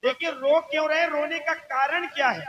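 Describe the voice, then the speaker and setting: A man's voice: very high-pitched, fairly even intonation, sharp tone, dull audio, slight background noise. Rama, a man playing a patient divine prince. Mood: calm. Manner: measured, patient questioning. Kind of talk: folk stage play.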